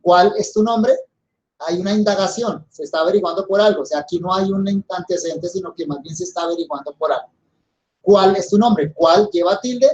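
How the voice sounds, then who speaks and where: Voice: medium pitch, fairly quick, darkish tone, dull audio. A teacher with a Colombian accent giving a recorded grammar lesson, explaining step by step and addressing the students.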